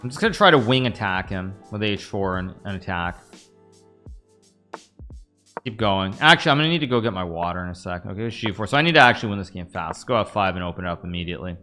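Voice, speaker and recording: This is loose live-stream talk from an American man in his thirties who reasons aloud over a chess game and fields chat questions as he rambles. He has a low voice yet talks fast and animatedly, his tone pushed and bright, with faint music behind him.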